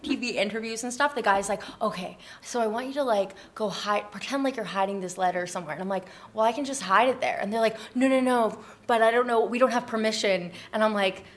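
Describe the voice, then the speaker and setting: Giggling and rambling through informal stories, a Canadian-accented photographer behind a letter-writing project is a guest in a casual interview chat. She talks fast at a fairly high pitch, with hardly any pauses.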